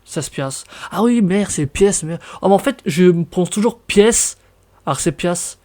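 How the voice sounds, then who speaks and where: A man's voice: high-pitched, normal speed, warm tone. A young man from France with a French accent, chatting casually in a vlog, reading out words and reacting with surprise. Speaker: vlogger.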